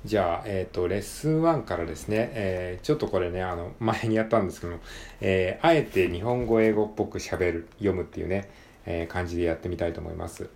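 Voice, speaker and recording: A man hosting a casual solo podcast, talking in quick, chatty bursts full of fillers. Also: low voice, vocal fry, darkish tone, slight background noise. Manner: chatty, filler-heavy, rapid asides. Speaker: podcast host.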